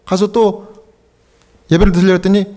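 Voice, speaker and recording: A man's voice: sits high, flat delivery, moderate pace, mellow. A man speaking Korean, a pastor and hospice chaplain, telling a story in a conversational sermon and acting out the lines of the people in it. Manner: conversational, acts out quoted dialogue. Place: church sanctuary.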